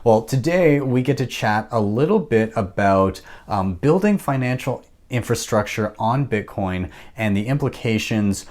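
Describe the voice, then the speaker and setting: This podcast host, a man in his thirties, speaks in an animated medium-pitched voice with a darkish tone, going a little slowly yet hardly pausing. He's conducting a casual, upbeat interview full of filler words, using a studio mic and headphones in his home office.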